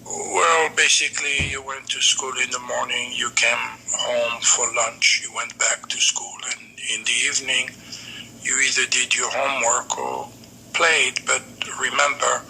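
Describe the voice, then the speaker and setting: A Morocco-born man in his seventies recalls his childhood for his grandson over a video call, unhurried and pausing often on "uh". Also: medium pitch, vocal fry, noisy background. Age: 70s. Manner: unhurried reminiscing, pauses often on "uh". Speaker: grandfather being interviewed. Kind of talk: remote family interview.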